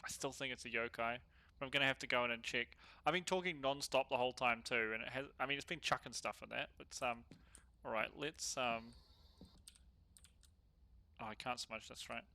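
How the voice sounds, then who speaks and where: A man doing casual solo gameplay commentary, chatty and slangy as he thinks out loud. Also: medium pitch, a little fast, creaky, no echo. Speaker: gaming streamer.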